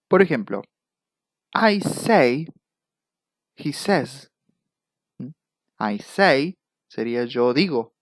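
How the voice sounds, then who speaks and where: A man with an Argentine Spanish accent teaching English grammar in a recorded lecture, going slowly and patiently through each verb form. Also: mid-range voice, no echo, poor audio. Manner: slow, patient, repeats verb forms one by one. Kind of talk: recorded lecture over slides.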